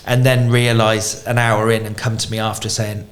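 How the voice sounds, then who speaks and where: A man with a lowish voice speaks at a moderate pace over slight background noise. He's a franchise company expert appearing as a guest on a business podcast, chatting casually and animatedly acting out quotes as he tells his stories.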